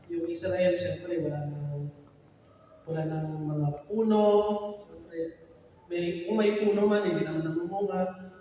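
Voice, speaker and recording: Animated preacher man in echoey hall. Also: sits high, a little hiss or hum. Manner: animated, switching between Tagalog and English, urging the congregation to respond. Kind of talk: sermon. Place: church hall. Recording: echoey hall, picked up from a distance.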